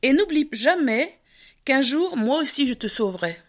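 Woman voicing magical golden storybook fish, gentle, calm, high voice. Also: normal speed. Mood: solemn. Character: small magical golden fish that talks, later huge.

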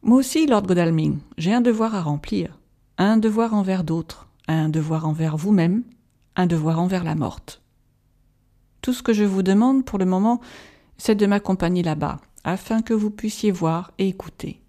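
A reader voicing an old male professor in an audiobook, solemn and measured, patiently pleading. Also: mid-range voice, mellow, lightly acted. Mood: grave. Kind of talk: audiobook narration.

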